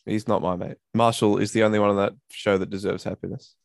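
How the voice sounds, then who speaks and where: A man's voice: on the low side, flat delivery, fast talker, gravelly, smooth, no echo, studio quality. A man co-hosting a casual podcast, blunt and swearing casually. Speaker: podcast co-host.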